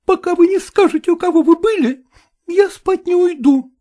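A man's voice: very high voice, normal speed, dark tone, voice pushed up. A man voicing a jealous, tearful woman who presses her lover with reproachful questions, reading an audiobook.

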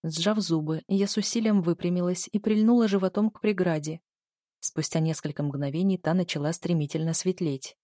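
A woman narrates a first-person story at a measured, even pace. Her voice sits low and mellow with a soft, dark color. It's recorded close and dry, with no room sound. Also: no room sound. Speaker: audiobook narrator.

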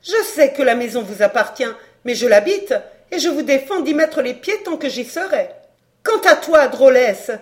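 A woman voicing a haughty countess, sharp and imperious as she scolds. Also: sits high, lively intonation, moderate pace, voice pushed up. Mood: angry. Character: furious haughty countess, middle-aged woman.

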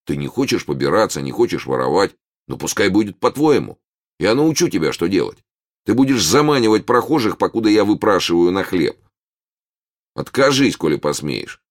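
A man's voice: deep voice, normal speed, voice pushed up, exaggerated voice. A man voicing a cunning teenage beggar boy who mocks and bosses his companion, in an audiobook. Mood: mocking. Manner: sneering, lively, bossy. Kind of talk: audiobook character voice.

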